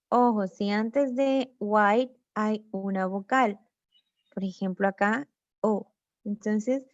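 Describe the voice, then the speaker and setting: Slow, patient woman teacher, dry lo-fi sound. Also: fairly high pitch, no echo. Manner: patient, explains step by step in Spanish with English examples. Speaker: English teacher. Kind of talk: online grammar lesson. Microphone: computer mic on a video lesson. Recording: dull, dry lo-fi recording.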